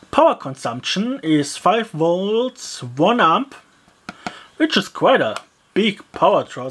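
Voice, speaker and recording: A mid-range voice, accompanied by a little hiss or hum, rambles casually through the teardown and review of a cheap gadget. Fillers such as "yeah" and "uh" come up constantly, mixed with grumbling asides.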